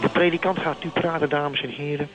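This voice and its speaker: A man's voice: on the high side, steady tone, fairly quick, music in the background, close to an everyday voice, poor audio. A man playing a starstruck, chatty male reporter who rambles on in a comic fake live report. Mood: gushing. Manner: chatty, rambling, self-congratulatory. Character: bumbling, starstruck male reporter at a royal wedding.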